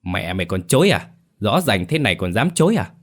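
A narrator puts on a hot-tempered village man. He swears in a low, rough voice, spitting abuse in rapid bursts. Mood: raging. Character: hot-tempered, foul-mouthed middle-aged village man.

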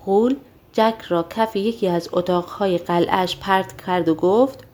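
A woman narrating a storybook audiobook of fairy tales, expressive and mixing colloquial with literary wording. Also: mid-range voice.

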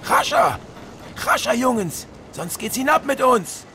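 A man voicing a loud, bluff middle-aged sea captain in a radio play, bellowing orders through a storm and dropping English sailor words into his German. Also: mid-range voice, very animated, normal speed, slight background noise, voice pushed up, lightly acted. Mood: shouting orders.

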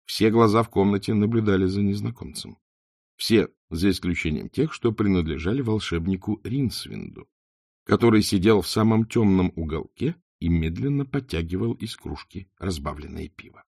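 A man narrating a storybook with a low, husky voice that rises and falls widely. The sound is dry and close. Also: moderate pace, no echo. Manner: expressive storytelling. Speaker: audiobook narrator. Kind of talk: scripted narration.

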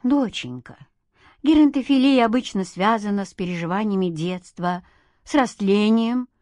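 A woman reading an audiobook, voicing a strict, sharp-tongued schoolteacher mother who talks at people loudly. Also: medium pitch, moderate pace, dry recording, lightly acted. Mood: hectoring. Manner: sharp, hectoring and loud. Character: strict middle-aged provincial schoolteacher mother.

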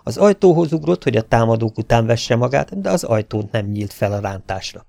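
A man narrating a western adventure audiobook in a steady, even storytelling manner. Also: mid-range voice, gravelly, no echo. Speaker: audiobook reader. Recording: dry home audiobook recording.

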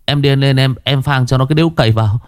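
A man's voice: medium pitch, quick pace, clean tone, no room sound, clean studio sound, pitched above the performer's own voice, natural voice. A man voicing a nervous young male henchman who stammers and repeats his words. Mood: flustered.

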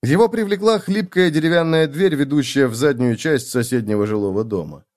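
A man's voice: a little high, brisk, a little mellow. A man narrating a fantasy novel as an audiobook, reading expressively and voicing each character.

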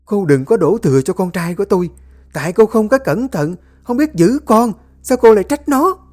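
A storyteller voicing a cruel, domineering older mother-in-law who scolds and shouts. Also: mid-range voice, animated, fast, voice pushed up, close to an everyday voice. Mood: furious.

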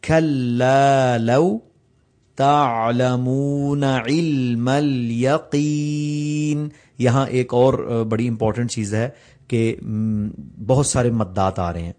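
A man teaching tajweed, explaining the rules plainly and reciting the examples slowly. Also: medium pitch, darkish tone.

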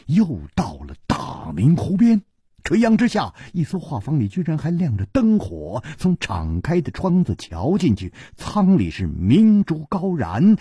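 A man's voice: on the high side, warm tone, breathy edge, dry recording, studio quality. A man narrating a martial arts tale in a vivid, dramatic traditional storytelling style. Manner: vivid, dramatic, acting out scenes.

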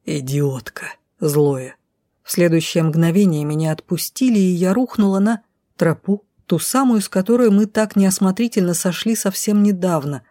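A woman narrating a first-person audiobook in an expressive, dramatic reading. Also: medium pitch, normal speed, dry recording, studio quality.

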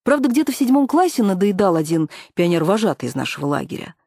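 A woman narrating a first-person story for an audiobook in an ironic, expressive manner. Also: mid-range voice, quick pace, slightly rough, dry recording, clean studio sound.

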